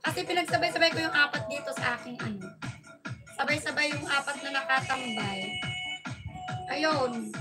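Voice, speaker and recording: A woman's voice: high-pitched, normal speed, pauses often, over loud music. A woman hosting a casual livestream, chatty and playful as she reads out viewer comments and teases in a sing-song way. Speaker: livestream host.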